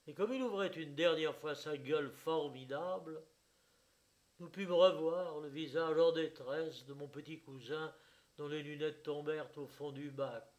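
A man narrating an audiobook in a measured, expressive storytelling manner. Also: a little high.

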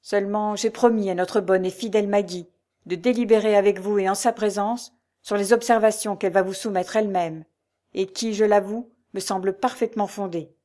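A woman reading as a steady, earnest captain. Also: medium pitch, brisk, natural voice.

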